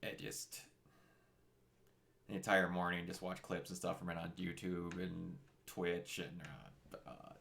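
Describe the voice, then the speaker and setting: A young man talking casually on a game stream, halting with many restarts. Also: deep voice, flat delivery, creaky, fairly bright tone.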